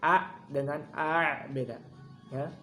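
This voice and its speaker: A man teaching Quran recitation, chanting verses slowly and then explaining common mistakes in casual speech, contrasting wrong and right pronunciations. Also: a little high, steady tone, bright, forceful tone, echoey room, slight background noise. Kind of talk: recitation lesson with demonstrations.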